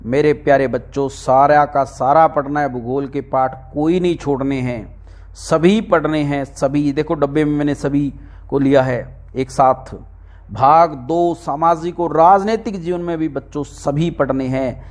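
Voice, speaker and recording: Middle-aged guy teacher, slightly high voice, keeps saying "my dear kids", goes over every point twice. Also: steady tone, normal speed. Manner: addresses students fondly as "my dear children", repeats points for emphasis. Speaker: exam-prep teacher. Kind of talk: lecture walking through a textbook index.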